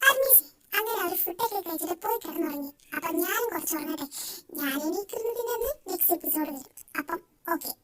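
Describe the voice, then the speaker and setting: Sex: woman. Role: fan drama narrator. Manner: soft, relaxed. Pitch: very high. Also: fast talker, a little hiss or hum. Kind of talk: casual narration.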